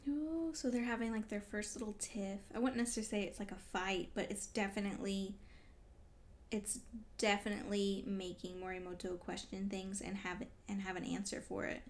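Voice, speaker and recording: Medium in pitch with fairly even intonation, her speech runs at normal speed. She's a vlogger giving casual read-along reactions, exclamatory and emotionally engaged.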